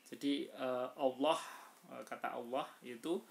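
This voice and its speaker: A man gives a relaxed recitation lesson, moving slowly through each rule. He chants his example words louder and stretches them out, and he explains in between with frequent hesitant fillers. His pitch sits in a middle range. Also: vocal fry, slight background noise. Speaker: Quran recitation teacher. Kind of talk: casual tajwid lesson.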